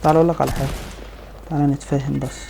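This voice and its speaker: Excitable Egyptian gamer, rapid-fire. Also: male voice, a little high, gravelly, background noise. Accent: Egyptian Arabic. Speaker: gaming video host. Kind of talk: excited live gameplay commentary.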